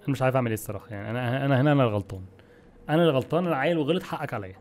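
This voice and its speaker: Young Egyptian male gaming host, jokey and quick-tempered, very fast, soft game music behind. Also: mid-range voice. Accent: Egyptian Arabic. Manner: excitable, exasperated, jokey, talks to viewers. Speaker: gaming YouTuber. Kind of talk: gameplay commentary.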